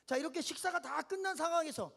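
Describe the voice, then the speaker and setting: A man's voice: extremely high pitch, quick pace, vocal fry, fairly bright tone. A man preaching a sermon at a winter camp, leading the congregation to repeat lines and answer amen. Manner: asks questions and answers them himself in short steps. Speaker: pastor.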